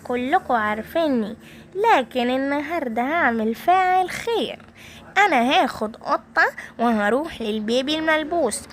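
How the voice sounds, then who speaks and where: Casting: woman playing a scheming game granny, Egyptian accent, high teasing voice, chats to viewers. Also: a bit bright, slight background noise. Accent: Egyptian Arabic. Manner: sing-song, teasing, addresses viewers directly. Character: wicked old granny villain, scheming but claiming kindness. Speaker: gaming YouTuber. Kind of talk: playful game role-play narration.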